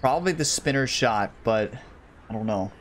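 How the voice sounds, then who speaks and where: Doing let's-play commentary, this gaming YouTuber talks casually to his viewers as he plays, his voice a bit worn and slightly going. It's fairly low and expressive at a moderate pace, with a touch of background noise.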